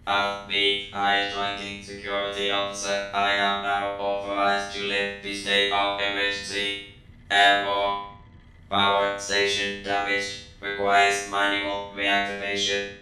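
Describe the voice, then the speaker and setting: A man voicing a stern male security robot that makes clipped, monotone announcements. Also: on the low side, a little slow, lightly acted. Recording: echoey, with loud music behind.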